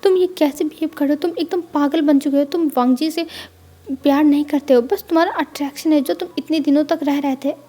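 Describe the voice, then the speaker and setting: A woman's voice: high-pitched, fairly even intonation, brisk, warm tone, natural voice. A woman voicing an angry, strict middle-aged father who scolds his son in a storybook retelling.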